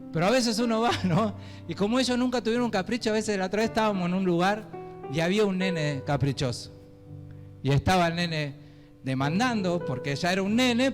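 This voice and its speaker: A Rioplatense pastor with a high voice preaches in an animated, conversational way and keeps asking the congregation questions. His voice rings in a large hall with long reverb. Guitar music plays clearly behind him. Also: brisk. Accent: Rioplatense Spanish. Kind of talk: sermon.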